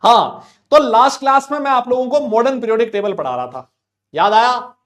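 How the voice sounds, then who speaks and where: Loud chatty Hindi-speaking male teacher. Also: very high-pitched, lively intonation, a little fast. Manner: chatty, loud, talks to students, voices their questions. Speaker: chemistry teacher. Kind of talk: online class lecture.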